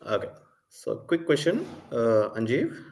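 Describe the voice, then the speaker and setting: A man moderating an online academic conference, speaking in a halting way with small corrections. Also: mid-range voice, wildly swooping pitch, a little mellow. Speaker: academic session chair. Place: online video call.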